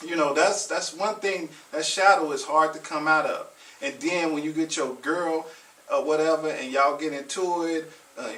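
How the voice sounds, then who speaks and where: A man's voice: on the high side, fairly bright tone. A man talks bluntly and casually, swearing freely as he speaks to his audience. His voice sits slightly above the usual male range. The sound is roomy and picked up from a few feet away, with faint background noise. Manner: blunt, profane, conversational. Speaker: relationship vlogger. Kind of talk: candid to-camera monologue. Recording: roomy echo, mic at a distance.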